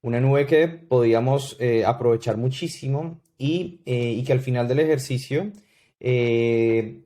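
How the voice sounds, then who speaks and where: A man in his thirties with a Colombian accent, a podcast guest who tells his story slowly, with many fillers and restarts. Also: medium pitch, warm tone. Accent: Colombian Spanish. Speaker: guest consultant. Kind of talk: podcast interview.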